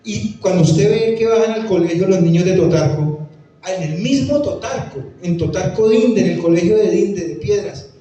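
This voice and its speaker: A man's voice: high-pitched, moderate pace, warm tone, distant mic. Emphatic Tolima-accented man in an echoey hall. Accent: Tolima Colombian Spanish. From Tolima, Colombia. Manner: emphatic, repeats phrases, acts out quoted voices. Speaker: lecturer on the Pijao language. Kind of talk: conference talk answering audience questions.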